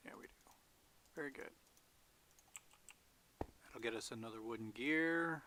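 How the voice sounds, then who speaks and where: Here a man hosting gaming videos mutters half-whispered asides to himself during casual solo gameplay, his voice fading. He has a mid-range, sharp-toned voice at a measured pace, with slight background noise.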